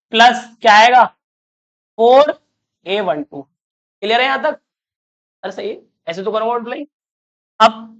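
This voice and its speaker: A math teacher's very high, fairly bright voice comes through dull audio in an online lecture. He narrates each step, counts off terms, and often checks whether students are keeping up, coaxing them to ask questions.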